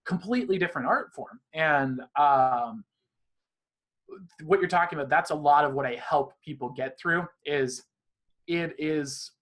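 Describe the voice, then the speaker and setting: A man's voice: fairly high pitch, measured pace, a bit bright. A man being interviewed as a magician, talking animatedly in long, rambling runs of casual conversation. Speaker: magician guest.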